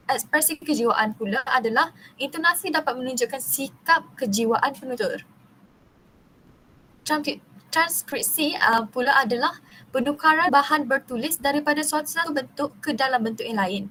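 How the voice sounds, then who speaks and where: A young woman from Malaysia reads a university class presentation in a fairly high voice. She keeps a steady, careful pace but trips over long technical words and starts them again. A faint hiss sits under the recording. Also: low-quality recording. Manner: reads steadily, stumbling and restarting on long terms.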